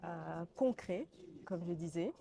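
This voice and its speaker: Woman from Senegal, thirties, interview testimonial, earnest, hesitant, lowish pitch. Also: animated, takes it slowly, creaky, warm tone. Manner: hesitant, many fillers and restarts, earnest.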